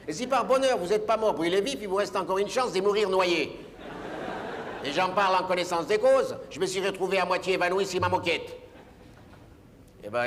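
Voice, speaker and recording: An older man performing a comic stage monologue, rambling and grumbling, with constant asides to the audience. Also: sits high. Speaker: comedian. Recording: live stage recording with long reverb and faint noise.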